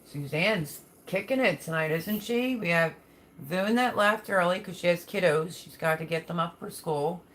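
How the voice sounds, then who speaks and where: A woman's voice: lowish voice, moderate pace, fairly bright tone, a little hiss or hum. A woman hosting a casual live chat, talking in a folksy, affectionate way as she reads and answers viewer comments. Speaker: livestream host.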